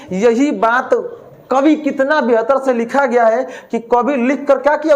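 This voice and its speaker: A man's voice: very high voice, a little hiss or hum. Lecturer quizzing and joking with his class. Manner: asks questions and answers them himself, jokes with students. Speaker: teacher.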